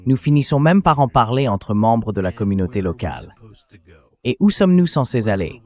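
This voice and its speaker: Thirties man, earnest and measured, interview voice-over with a mid-range voice. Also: medium pitch, animated. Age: 30s. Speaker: interviewee, community vice-president.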